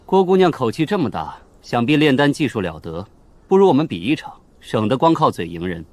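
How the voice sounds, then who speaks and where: A man's voice: medium pitch, very animated, brisk, a little mellow, slight background noise, close to an everyday voice. An actor voicing a smug male elder of a rival sect, mocking and sneering.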